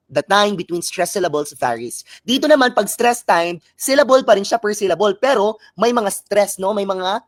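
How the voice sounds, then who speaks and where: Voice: medium pitch, no echo. A speaker from the Philippines with a Filipino accent, giving a live-streamed exam review lecture that mixes Filipino and English, often tagging sentences with a questioning "no?" and explaining terms through examples.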